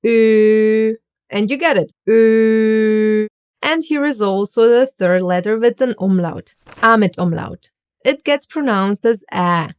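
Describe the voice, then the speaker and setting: Slightly high and lively in intonation, a woman language teacher walks beginners through a scripted lesson, modelling pronunciation with slow care. The audio is dull.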